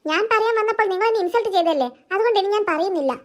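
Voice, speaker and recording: A woman's voice: very high voice, very fast. A woman voicing a bickering, sarcastic housewife in a cartoon. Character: nagging, sharp-tongued cartoon housewife.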